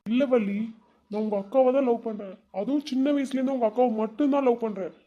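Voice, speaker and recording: A man's voice: very high-pitched, fast. A man voicing a heartbroken, earnest young village man in a cartoon, pleading and sincere. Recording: dull lo-fi sound.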